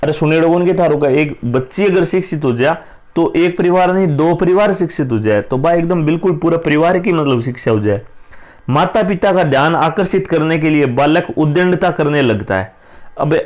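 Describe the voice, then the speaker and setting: A man teacher with a Rajasthani accent, going through exam questions in a casual, chatty way. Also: on the high side. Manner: casual, chatty, mixes dialect with Hindi. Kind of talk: exam-prep lesson, explaining answers.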